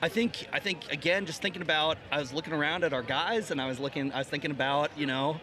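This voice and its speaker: A man coaching a team, speaking in an emotional post-game interview with a shaky, halting voice, stumbling over restarts and fillers after crying. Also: fairly high pitch. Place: outdoor championship stage with a crowd. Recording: crowd noise behind.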